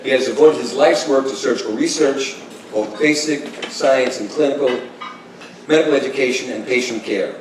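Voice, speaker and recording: A man in his sixties giving a tribute speech, telling stories with chuckles and halting restarts. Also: medium pitch, a little hiss or hum. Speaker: speaker giving a tribute talk. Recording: echoey room, distant mic, kitchen clatter.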